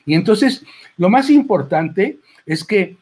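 A man's voice: sits high, animated, slow, a little mellow, slightly rough. A man with a Mexican accent, a clown, giving a chatty, rambling speech into a handheld microphone at a book presentation. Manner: rambling, chatty, full of asides and quoted lines. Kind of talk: informal speech at a book launch. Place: presentation table at an event.

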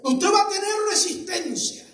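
Fervent male pastor with a very high voice, shouting sermon, echoey room, off mic. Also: expressive, normal speed, far from the mic.

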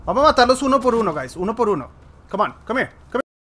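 A man with a Colombian accent doing let's play commentary, excitable and switching between Spanish and English, yelling at the game. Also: very high-pitched, quick pace, noisy background. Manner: yells at the game. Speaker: gamer.

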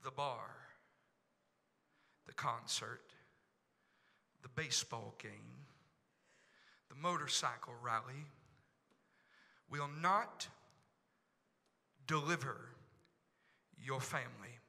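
Preaching into a handheld mic in a large sanctuary, this middle-aged Oklahoma pastor has a creaky, mid-range male voice and takes his sermon slowly, pausing often. His delivery swings between hushed tones and shouts, trailed by the church's long reverb.

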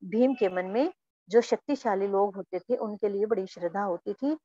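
A woman's voice: medium pitch, moderate pace, mellow, no room sound, muffled recording. Woman teacher retelling a story lesson. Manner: reads each passage, then retells it in plainer words. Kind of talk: reading and retelling a textbook story.

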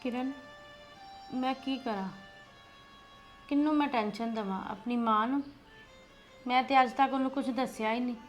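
A woman playing a meek elder sister-in-law in a family drama, soft and resigned. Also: fairly high pitch, normal speed, long pauses, faint music behind, natural voice.

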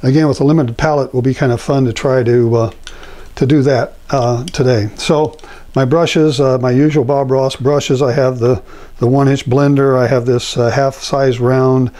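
An older man giving a relaxed, rambling painting demonstration at his easel, with many fillers, recorded on a lapel mic in a home studio. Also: mid-range voice, normal speed. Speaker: painting instructor.

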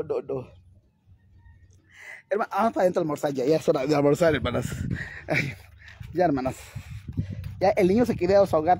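A man's voice: high voice, a little mellow, husky, no room sound. Man playing a whiny young woman. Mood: chatty. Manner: whiny, sighing, keeps repeating "ay, hermanas". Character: crude, fretful young woman who thinks she's pregnant. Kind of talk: comedic vlog skit.

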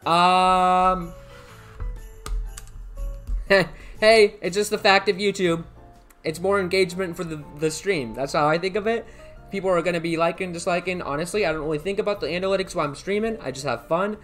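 With faint music behind him, a young man from the United States speaks in a high, somewhat bright voice at normal speed. Sitting at a computer indoors with a headset mic, he casually hosts a live game stream, rambling and repeating himself while reading chat and thanking viewers by name.

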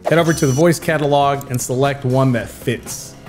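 A man's voice: mid-range voice, fairly even intonation, moderate pace, darkish tone, faint music behind. A man in his twenties with a congested, nasal voice, casually vlogging to camera in a chatty, joking and self-deprecating way. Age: 20s. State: nasal, recovering from illness. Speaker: YouTube creator. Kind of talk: casual talking-to-camera vlog.

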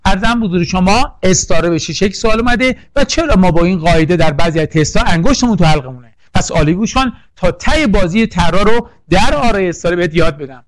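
A man's voice: high voice, animated, hardly any pauses, no room sound. A man teaching a poetry lesson for exam prep, drilling lists and quizzing the class with questions. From Iran. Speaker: literature teacher.

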